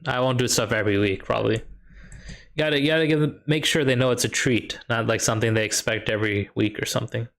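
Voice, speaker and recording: Talking fast in a slightly bright voice, the same young US math teacher muses aloud with loose fillers and a light Chicago lilt. He plays a strategy game on a casual live stream and answers questions from chat.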